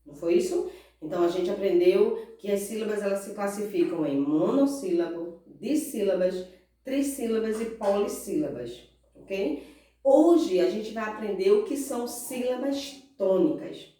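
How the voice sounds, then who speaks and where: A Brazilian woman teacher gives a recorded lesson in a very echoey room, heard from some way off the microphone. She speaks at a slow, patient pace in a mid-range voice, drawing out key words and asking the children questions before answering them herself. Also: medium pitch, animated, dark tone. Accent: Brazilian Portuguese. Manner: slow, patient, drawn-out word stresses; asks pupils questions and answers in their voice. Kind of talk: recorded remote class lesson. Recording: roomy echo, far from mic.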